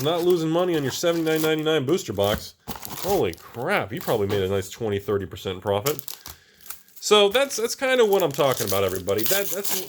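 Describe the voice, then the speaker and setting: A man's voice: on the high side, a little hiss or hum. A man hosting his channel, giving rambling casual commentary while he opens card packs, exclaiming often. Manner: animated and exclaiming, rambling with restarts. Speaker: channel host.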